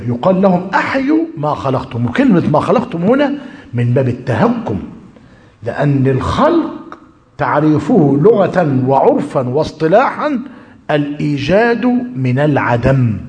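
A man's voice: on the high side, a little mellow, big-room sound. A man with an Egyptian accent teaching a religious lesson, switching between formal classical phrasing and colloquial talk and checking in with his listeners. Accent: Egyptian Arabic.

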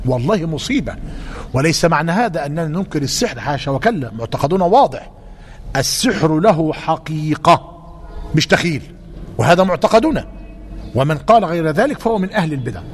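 A man's voice: fairly high pitch, big pitch swings, a little fast. A man with an Egyptian Arabic accent teaching a religious lesson and answering questions, emphatic and repeating key points. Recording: reverberant hall, faint noise.

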